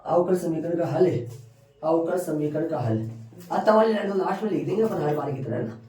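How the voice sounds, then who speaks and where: A man teaching maths to a class, repeating each step slowly and quizzing his students as he writes. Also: a little high, dark tone. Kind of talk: classroom lesson at a board. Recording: echoey classroom from far off.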